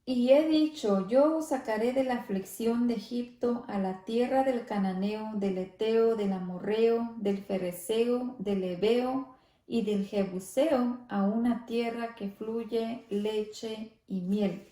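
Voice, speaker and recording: A woman leading a church Bible study, speaking slowly and reverently, often adding amén and gloria a Dios. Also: a little high, dark tone, roomy sound. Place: church hall.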